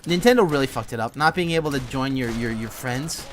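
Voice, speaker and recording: A man streaming a game and chatting loosely with a friend. He rambles, restarts his sentences and swears freely. His voice has an ordinary middle pitch, with faint noise in the background. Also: a little fast. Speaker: gaming streamer. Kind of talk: casual chat while playing.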